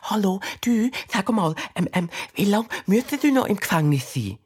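A man's voice: high-pitched, big pitch swings, normal speed, a little mellow, breathy edge, voice pushed up, full character voice. A man voicing a timid little dog in a storybook, hesitant and stammering.

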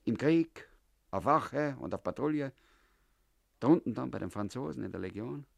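An audiobook narrator reads a first-person literary story aloud, confiding in the listener as though speaking to an old comrade. His mid-range, gravelly voice is animated and at normal speed, recorded with studio quality and no room sound.

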